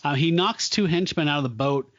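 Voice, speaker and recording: Man, podcast host, loose rambling chat, slightly raised pitch, dry close sound, a bit dull. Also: fairly quick, fairly bright tone, no echo. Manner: laughs often, loose and rambling with fillers. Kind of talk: casual chat about a film.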